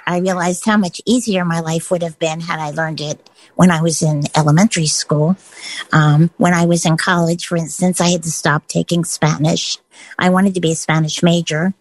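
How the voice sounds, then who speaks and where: Earnest woman caller, low voice. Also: no echo. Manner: earnest, encouraging. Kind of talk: call-in radio chat.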